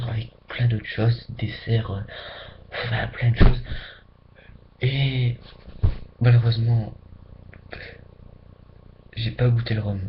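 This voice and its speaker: A man from France chatting casually into his webcam, rambling and dropping into whispers for emphasis. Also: mid-range voice. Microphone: webcam mic. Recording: dull lo-fi webcam audio with faint hiss.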